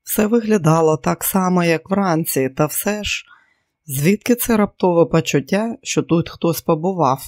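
A man reading an audiobook novel as narrator, in a steady, measured way. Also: a little high, no room sound, clean studio sound. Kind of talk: scripted narration.

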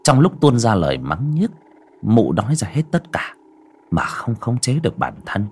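A man's voice: mid-range voice, big pitch swings, normal speed, gravelly, a little mellow, slightly rough. A man narrating a horror audiobook with dramatic storytelling.

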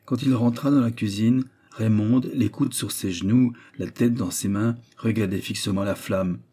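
Husky, warm male audiobook narrator. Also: fairly low pitch, fairly even intonation, moderate pace. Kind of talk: scripted literary narration.

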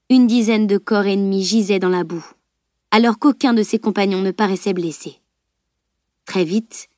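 A woman narrating a novel aloud as an audiobook reader, in a measured storytelling tone. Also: mid-range voice, darkish tone, no room sound, clean studio sound. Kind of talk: scripted narration.

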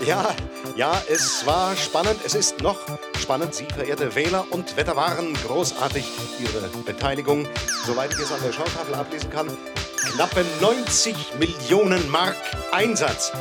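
An actor playing a brisk showbiz quiz host in a radio play, with slick, sing-song announcer delivery. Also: male voice, on the high side, animated, natural voice. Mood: showy. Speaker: game-show host. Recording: loud music underneath.

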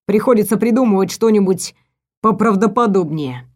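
A woman's voice: expressive, moderate pace, lightly acted. Woman voicing a sneering angry young man. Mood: mocking. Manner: sneering, low and mocking. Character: angry young male stepbrother, menacing.

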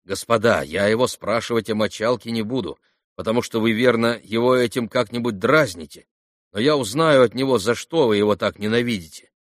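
A man's voice: medium pitch, a little fast, no echo, clean studio sound, close to an everyday voice. A man reading an audiobook and voicing an earnest young man who reasons with a group of boys. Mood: calm. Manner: earnest, pleading.

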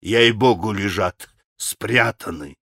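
Male narrator as a flustered young man begging, voice a bit high. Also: expressive, unhurried, a bit bright, no echo, clean studio sound. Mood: desperate. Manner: pleading, faltering.

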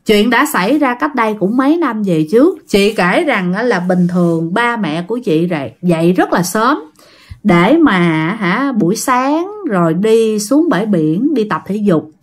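A woman hosts a channel where she narrates ghost stories sent in by listeners, chatting casually and often speaking directly to her audience. Her voice is medium in pitch, expressive and unhurried.

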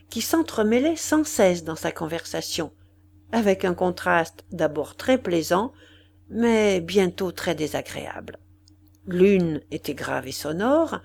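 A woman narrating an audiobook of a classic memoir, in an expressive, measured literary reading. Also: medium pitch, vocal fry.

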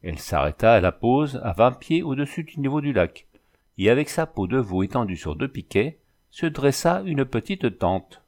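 Low-voiced man reading a novel aloud. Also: darkish tone. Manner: measured, literary delivery. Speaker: narrator.

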